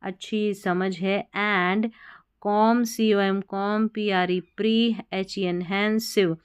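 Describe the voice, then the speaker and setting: A woman's voice: mid-range voice, steady tone, slow pace, clean tone. A woman teaching English spelling and reading, spelling words out letter by letter, then explaining their meanings.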